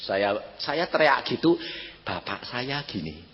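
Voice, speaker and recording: A male pastor preaching and telling a personal story, jumping between loud outbursts and near-whispers. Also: medium pitch, big pitch swings, slow pace, background noise. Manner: dramatic, swinging from shouts to near-whispers. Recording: reverberant hall, slightly dull sound.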